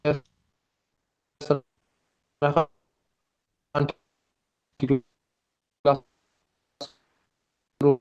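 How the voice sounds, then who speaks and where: Student, halting delivery, call audio breaking up and dropping out, mid-pitched voice. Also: little pitch movement, lo-fi sound. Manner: slow and halting, repeating words. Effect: choppy, breaking-up video call audio. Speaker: student in an online class. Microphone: video call. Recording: distant, cutting-out call audio.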